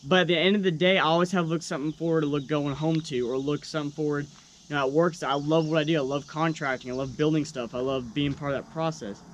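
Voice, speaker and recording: Young male vlogger, slightly high voice, earnest and encouraging, casual delivery, faint background noise. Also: fairly even intonation, fast talker, lo-fi sound. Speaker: YouTube truck vlogger. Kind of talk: casual, unscripted vlog talk to viewers.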